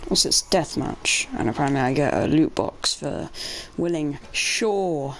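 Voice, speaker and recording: A woman's voice: low-pitched, lively intonation, a little slow, very noisy. Exasperated British woman raging at a game. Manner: exasperated raging gamer, exclaiming. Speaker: gamer commentating own gameplay. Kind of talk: gaming commentary. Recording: game music behind the voice. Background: loud video game music.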